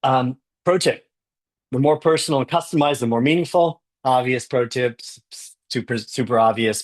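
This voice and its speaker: A man giving a conference keynote, enthusiastic, often repeating words as he goes. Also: medium pitch. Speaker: conference speaker. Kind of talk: keynote talk.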